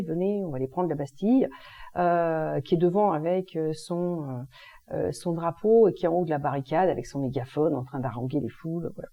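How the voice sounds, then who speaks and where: A woman's voice: lowish voice, warm tone. Woman rambling casually about moon energies, slangy and chatty, kinda muffled lo-fi sound. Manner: chatty and informal, uses slangy expressions. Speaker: energy healing and astrology presenter. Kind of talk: casual explanatory monologue.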